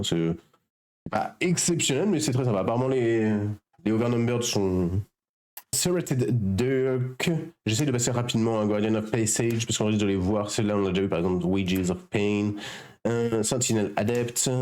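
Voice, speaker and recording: A man's voice: medium pitch, darkish tone. A man hosting a pack-opening show, chatting casually with many fillers as he shows each card. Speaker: host.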